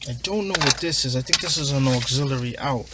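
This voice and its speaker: Talking fast at a medium pitch, a male car audio installer walks through an installation tutorial unscripted and informally, step by step as he works. The recording is noisy, full of clicks and parts being handled.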